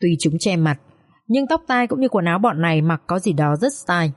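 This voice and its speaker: A woman narrating a dramatic audiobook story with steady, expressive delivery. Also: on the low side, a little fast.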